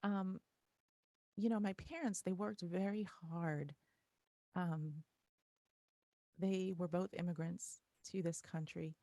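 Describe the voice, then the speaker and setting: A woman's voice: lowish voice, fairly even intonation, takes it slowly, long pauses, dark tone, no room sound, clean studio sound. A middle-aged woman, a podcast guest, talking reflectively and a little shakily, with many fillers and restarts. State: voice a little shaky. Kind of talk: casual interview conversation.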